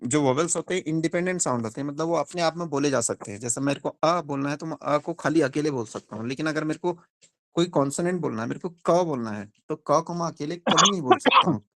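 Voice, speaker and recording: A man's voice: on the high side, fast talker, a bit bright. Male teacher quizzing a class. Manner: explains step by step, asks the class questions. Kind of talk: classroom phonics lesson.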